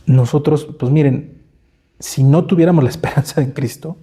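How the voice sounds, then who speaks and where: A middle-aged man with a Mexican Spanish accent delivers a sermon like a chat with friends, tossing in tag questions and acting out quoted dialogue. His voice is very dark and warm, with a slight husk to it. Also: a little high, moderate pace, husky. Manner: conversational preaching with frequent asides and tag questions; acts out quoted dialogue in a playful voice. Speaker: pastor.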